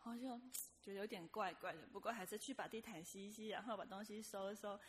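A woman sharing a testimony at church in a casual, lively storytelling way, acting out the voices of the people in her story. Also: medium pitch, fast talker, slight background noise.

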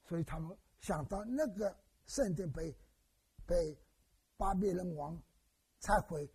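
A man's voice: high voice, a little slow, slightly rough. An elderly man from Wenzhou preaching a sermon, telling stories and quizzing his listeners with questions. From Wenzhou, China. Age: older. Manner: animated storytelling, quizzes the congregation with questions. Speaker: pastor.

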